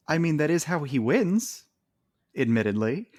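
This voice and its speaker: A man's voice: fairly high pitch, sing-song, normal speed, a little mellow, no room sound. Dry-voiced man in casual podcast chat. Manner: chatty, laughs between points while arguing. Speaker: podcast co-host.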